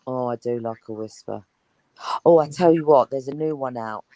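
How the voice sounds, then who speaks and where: A woman's voice: a bass voice, moderate pace, mellow, no room sound, rough recording. A woman chatting casually as a guest, rambling and enthusiastic. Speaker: guest on an online chat show. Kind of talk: casual chat.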